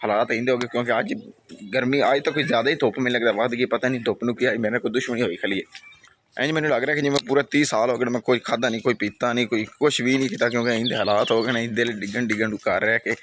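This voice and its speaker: A man's voice: mid-range voice, fairly even intonation, fast talker, fairly bright tone. A man with a Punjabi accent vlogging casually about his village day, chatty and joking, often urging viewers to subscribe. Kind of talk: casual vlog talk to camera. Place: outdoors in a village, walking. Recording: noisy outdoor phone recording.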